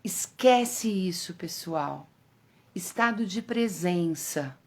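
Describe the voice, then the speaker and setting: A middle-aged woman giving a casual self-development talk to a group, lively and direct, often checking in with her listeners. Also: fairly low pitch, takes it slowly. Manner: lively, addresses group with "gente" and "tá?".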